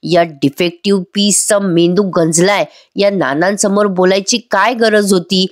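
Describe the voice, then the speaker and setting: A woman's voice: medium pitch, fairly even intonation, measured pace, no room sound, studio quality, natural voice. A woman voicing a scheming, contemptuous young woman thinking to herself. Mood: scornful. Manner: muttering scornfully.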